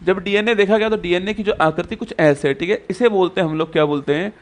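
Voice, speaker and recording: A man's voice: sits high, fast. A male teacher giving an exam-prep lecture who keeps repeating points and quizzing students with rhetorical questions.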